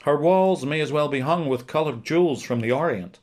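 A man's voice: fairly high pitch, normal speed, a little mellow, pitched above the performer's own voice, natural voice. A man reading an audiobook, voicing a blunt, matter-of-fact older priest. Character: blunt older male priest, dry and practical.

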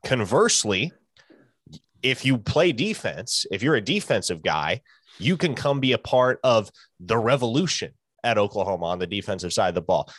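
A man hosting a college football talk show, building an emphatic case as if pitching to a recruit. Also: sing-song, moderate pace, fairly bright tone, dry recording. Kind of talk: sports talk analysis.

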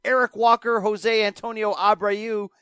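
High-voiced man rattling off fight listings. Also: little pitch movement, a bit bright, clean tone, dry recording. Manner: brisk, wry, rattling off listings. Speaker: boxing podcast host. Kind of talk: casual boxing chat, reading a fight schedule.

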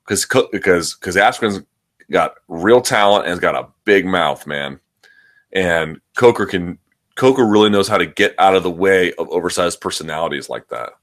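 A man with a low-pitched voice talks like the host of a combat sports show. His commentary is casual and opinionated, and he tends to repeat words and restart phrases as he makes his point. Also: lively intonation, moderate pace, fairly bright tone.

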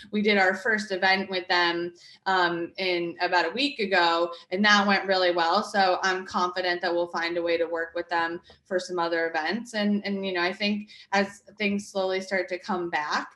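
A bright, forceful woman in her thirties from Connecticut speaks in a chatty interview, full of fillers and restarts. Her voice sits a little low for a woman. She is recorded in an echoey room. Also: steady tone, moderate pace. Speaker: guest, market project manager. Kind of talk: conversational interview.

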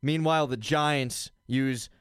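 A male podcast host chats casually about sports. His voice is clear and smooth at a medium pitch, with a dry, close sound. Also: slow pace, a bit bright, dry recording.

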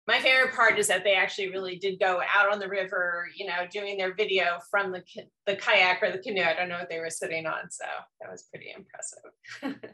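With a bright, forceful mid-range voice captured in poor audio, the woman hosting this casual online panel chat rambles a bit, using many fillers and restarts.

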